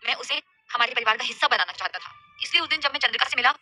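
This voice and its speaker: A woman's voice: fairly high pitch, animated, rapid-fire, bright, forceful tone, no echo, heavily acted. A woman voicing an impulsive lovestruck young man who stammers and pleads. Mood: tender.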